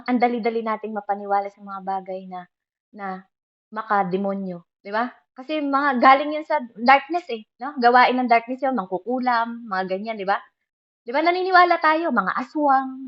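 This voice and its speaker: A woman's voice: fairly high pitch, a little fast, dull audio. A woman preaching a sermon in Filipino mixed with English phrases, often turning to the congregation for agreement.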